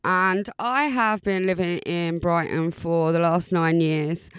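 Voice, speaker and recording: A woman's voice: lowish voice, steady tone, slow pace, clean tone, no echo, clean studio sound. A woman in her forties with an Essex accent tells her own story as a podcast host, in an informal, chatty way, hesitating and repeating words for emphasis. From Essex, England. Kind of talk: informal autobiographical podcast monologue.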